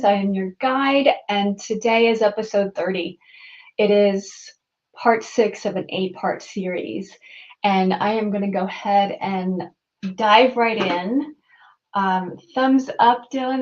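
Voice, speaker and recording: A woman's voice: mid-range voice, darkish tone, dull audio. A woman hosting and guiding a live tech lesson, upbeat and chatty, with frequent restarts and fillers. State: out of breath at the start. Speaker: host and guide of a technology webinar.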